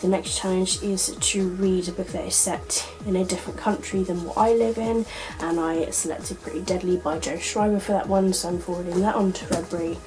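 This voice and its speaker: A woman talks casually to her online audience in a slightly low register. Her voice is husky and gravelly, roughened by illness. She stays upbeat and enthusiastic throughout, like a regular vlogger addressing familiar followers. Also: fairly even intonation, fairly quick, over music, poor audio. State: hoarse from being ill. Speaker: book vlogger hosting own channel. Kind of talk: casual chat to viewers.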